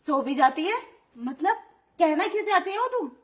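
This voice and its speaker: An indignant young wife in a Hindi audio drama, played by a woman, scolding her brother-in-law with sharp protests. Her voice sits very high. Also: big pitch swings, moderate pace. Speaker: voice actor.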